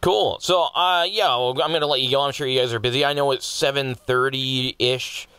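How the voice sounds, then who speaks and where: A man from British Columbia hosting a casual radio interview, chatty and quick to laugh. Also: medium pitch, bright, forceful tone, clean tone, no room sound. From British Columbia, Canada. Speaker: radio host.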